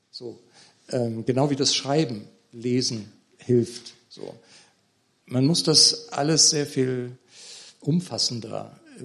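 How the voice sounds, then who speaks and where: A middle-aged man discusses his book in a lecture hall, giving a thoughtful academic talk as the author at a book event. His mid-range voice is gravelly and slightly bright, and he sounds hesitant, with lots of fillers and restarts.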